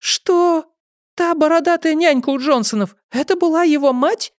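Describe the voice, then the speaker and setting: A man's voice: normal speed, no room sound, clean studio sound. A man reading an audiobook and voicing an older mother who complains, guilt-trips and dramatizes everything. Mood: reproachful. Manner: shrill, complaining, melodramatic. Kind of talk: audiobook character voice.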